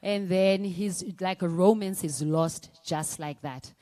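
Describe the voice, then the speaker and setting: Woman, singer telling her own story at a conference, low-ish voice, unhurried and halting. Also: mellow. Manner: hesitant, many fillers and restarts. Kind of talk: personal testimony talk at a conference.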